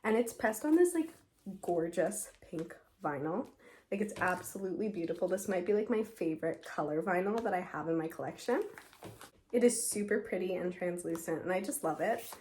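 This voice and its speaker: A woman's voice: on the low side, lively intonation, moderate pace, darkish tone, a little hiss or hum. Stuffy-nosed young woman vlogging from home, sore throat, super enthusiastic, says like constantly. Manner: gushing, enthusiastic, says "like" often. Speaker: YouTuber. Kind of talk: casual vlog chat.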